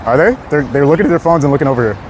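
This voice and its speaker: Easygoing young male streamer, a bit high-pitched, talking to chat outdoors with light street noise behind. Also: expressive, racing. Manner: laid-back, laughs often, reads chat aloud. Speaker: live streamer. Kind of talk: casual live-stream chat.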